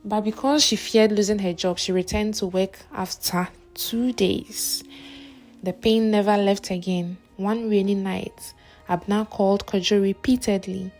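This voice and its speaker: A woman narrating a scripted story in a steady, somber manner. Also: mid-range voice, unhurried. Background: faint music.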